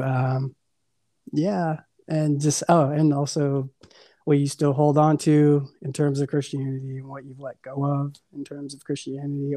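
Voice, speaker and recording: Mellow and on the high side, this podcast host's voice comes through with no echo. He runs a casual interview but stumbles over his questions, restarting them frequently and leaning on fillers.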